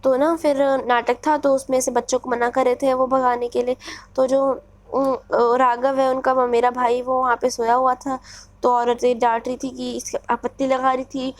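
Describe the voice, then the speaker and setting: A young woman teaching a textbook chapter, reading passages slowly and then explaining them in everyday words. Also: sits high, level tone. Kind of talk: casual lesson, reading text then explaining it.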